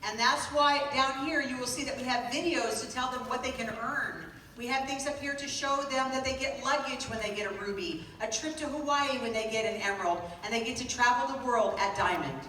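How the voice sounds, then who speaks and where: A corporate presenter speaks from a convention stage into a handheld mic, giving an upbeat, persuasive presentation to a sales audience and pausing for a live interpreter. Her tone is bright and a bit high. The recording was made from far back in the audience, so it's full of hall echo with a faint hiss.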